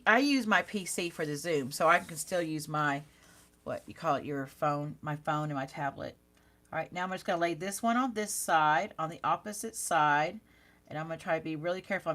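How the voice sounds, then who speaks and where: Hosting a card-making channel, a woman with a deep, fairly bright voice runs a live demonstration, chatting casually with viewers. She teases herself as she works and laughs at her own expense.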